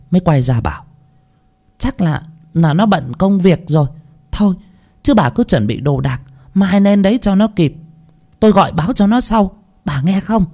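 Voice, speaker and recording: A man narrating a story in a slow, gentle, lyrical way. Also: medium pitch, husky.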